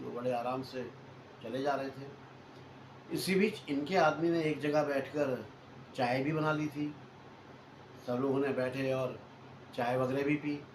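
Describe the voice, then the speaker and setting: A man narrates a hunting tale in a loose, chatty way, going back over his points in new words. His voice sits a little high for a man. The room is echoey and has a faint hiss behind it. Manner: chatty, repeats and rephrases points, addresses listeners as friends. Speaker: storyteller host. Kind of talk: casual spoken retelling of a hunting story.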